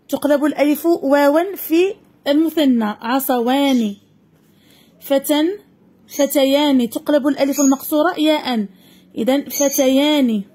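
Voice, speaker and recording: A woman with a Moroccan accent teaching a grammar lesson to young pupils, dictating slowly and repeating each word. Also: high-pitched, darkish tone.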